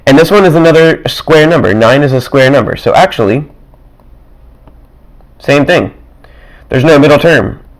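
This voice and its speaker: Seated at his desk, a man talks through math problems informally, musing aloud with small laughs and side comments. His voice sits on the high side, raspy and dry-throated and getting rougher as he clears it again and again; he speaks at normal speed with long pauses, and the audio is poor.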